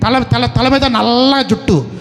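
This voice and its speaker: A high-pitched man with a Telugu accent preaches a sermon, calling out questions and urging the congregation to answer back. His voice rings with the long reverb of a church hall. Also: measured pace. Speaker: pastor.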